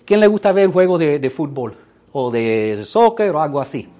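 A middle-aged man, preaching a lively sermon and acting out quotes, sometimes shouting. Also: fairly high pitch, normal speed. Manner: animated, acts out quotes and shouts for emphasis. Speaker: pastor.

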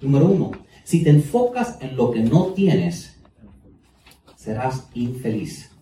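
A man's voice: medium pitch, sing-song, slow pace, warm tone. A man, a preacher giving a folksy, joking sermon in the manner of a teacher. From United States. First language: English. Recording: roomy, distant mic, faint background noise.

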